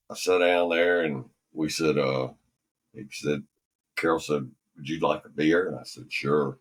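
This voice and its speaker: An older former golfer from Alabama, USA, tells rambling, folksy anecdotes as a guest on a podcast. He speaks in a very deep, husky voice.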